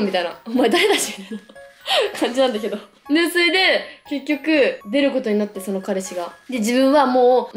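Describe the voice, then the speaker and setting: A young woman in her twenties, a vlogger chatting casually to camera, slangy and lively with playful exaggeration. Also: on the high side. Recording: echoey room with faint music. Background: faint background music.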